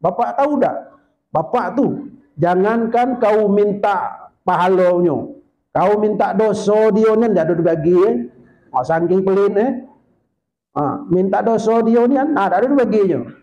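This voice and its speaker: A chatty stall keeper gossips about a miser in an animated, knowing way, as a male preacher plays him. The voice sits high. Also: measured pace, lo-fi sound. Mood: gossipy.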